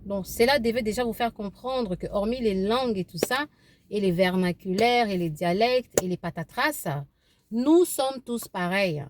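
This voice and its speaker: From inside her car, a woman in her thirties from the DRC's east, a native Kibembe speaker, gives a casual opinion vlog full of fillers, false starts, and repeated phrases. She speaks at a moderate pace in a medium, slightly mellow voice, with slight background noise.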